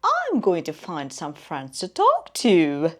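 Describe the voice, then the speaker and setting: Woman playing a polite, earnest storybook worm, slow and low-pitched. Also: huge pitch swings, fairly bright tone, heavily acted. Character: ordinary little worm, friendly and polite.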